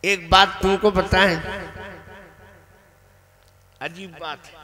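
A man's voice: high-pitched, steady tone, slow, pushed and bright. A man preaching at a religious gathering, telling stories and acting out retorts in his own quoted speech. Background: crowd.

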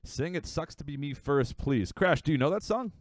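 A young man chatting casually on a live stream, rambling with fillers and quick asides. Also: fairly high pitch, animated, dry recording, clean studio sound. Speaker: livestreamer.

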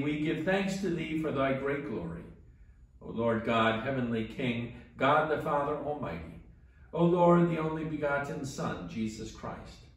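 Recorded from afar by a camera set back in a small chapel, an older rector reads steadily from a book as he leads morning prayer. His pitch sits in the middle range, and the room is heavily reverberant.

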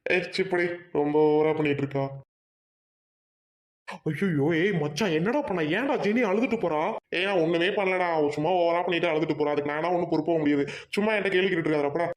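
An exasperated young college guy, played by a performer who teases his friend and grumbles in slang. He sits at a middling pitch and speaks in an audio drama. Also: fast, long pauses, lightly acted. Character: young college man, exasperated joking buddy. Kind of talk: Tamil audio drama acting.

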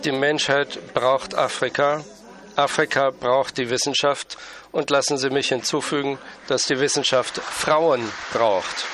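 A man interpreting a conference talk live, halting often with fillers and restarts. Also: mid-range voice, steady tone, fairly bright tone.

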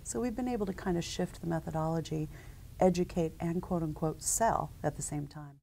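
Recorded on a lapel microphone at a conference set, this woman in her forties, who founded a company, responds to interview questions calmly and professionally, often pausing with um and uh. Her pitch is fairly low and creaky yet mellow, and there's slight noise in the background.

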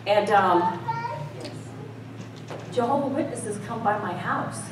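A middle-aged American woman preaches slowly and animatedly in a medium-pitched voice, addressing her congregation directly in a folksy, emphatic, conversational sermon with call-and-response. It is an indoor church stage before the congregation, recorded on a distant mic in an echoey hall with audience murmur and background noise.

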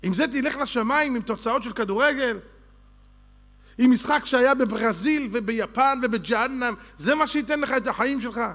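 A man with a notably high voice delivers a fiery sermon as a rabbi. He scolds his listeners with rhetorical questions and mocking, sarcastic asides. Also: fairly bright tone. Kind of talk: Torah lecture sermon.

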